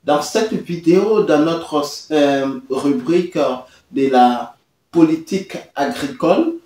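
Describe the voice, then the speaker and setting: A man from Côte d'Ivoire hosts his own channel, talking in a halting way with many drawn-out "euh" fillers. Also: a little high, a little mellow, echoey room, far from the mic. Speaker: host. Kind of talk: hesitant talking-head commentary.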